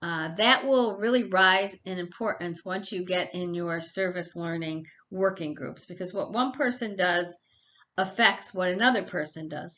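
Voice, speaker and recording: A woman's voice: fairly low pitch, pushed and bright, lo-fi sound. A middle-aged woman giving a recorded college lecture in a chatty, practical way, with personal stories and asides. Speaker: college instructor.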